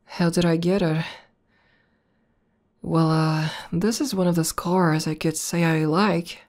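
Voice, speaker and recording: Voicing a shy, tomboyish demoness warrior, a woman speaks tenderly to her partner in an intimate ASMR roleplay where only she talks. She keeps a steady tone with a markedly low voice and slow delivery, soft and hesitant yet full of affection, in a calm, reminiscing mood.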